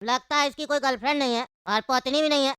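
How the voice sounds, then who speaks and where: A woman's voice: high-pitched, fast talker, fairly bright tone, no room sound, studio quality. Woman voicing a cheeky young cartoon guy. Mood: mocking. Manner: coaxing, teasing. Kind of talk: cartoon voice acting.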